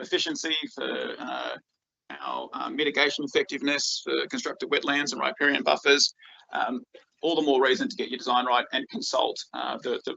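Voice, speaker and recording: An Australian man from rural northeast Victoria gives an enthusiastic conference talk as a researcher, full of ums and repeated words. His mid-range voice is creaky with a sharp tone, recorded lo-fi with no echo.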